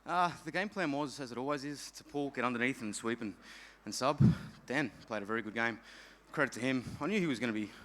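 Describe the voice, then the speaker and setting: A man's voice: medium pitch, fast, hardly any pauses, a bit bright. A man giving a humble, gracious post-fight interview after a loss.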